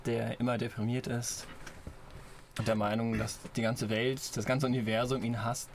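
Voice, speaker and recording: Calm man adding explanations. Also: mid-range voice, normal speed, creaky, a little hiss or hum. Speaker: podcast co-host. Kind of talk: casual book discussion.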